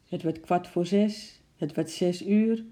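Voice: mid-range voice, slow, dark tone. A narrator steadily reading a children's story aloud.

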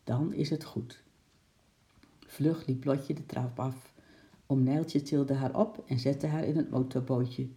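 A man reads a children's story aloud with a very dark, mellow tone at a middle pitch. He tells it in a lively way, stepping into voices for each character. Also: measured pace. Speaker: narrator.

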